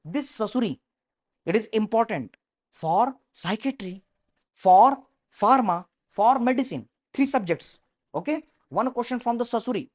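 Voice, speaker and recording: A woman's voice: a little high, animated, drawn-out words. A woman with an Indian English accent giving an exam-prep lecture in mixed Hindi and English, emphatic and repeating her key points. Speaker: medical entrance exam teacher.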